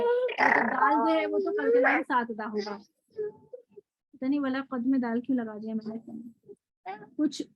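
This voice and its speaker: High-voiced woman teaching tajweed. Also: dry recording, lo-fi sound. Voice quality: patient, repeats example words slowly. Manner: frequent fillers and self-corrections. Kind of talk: online lecture with recap.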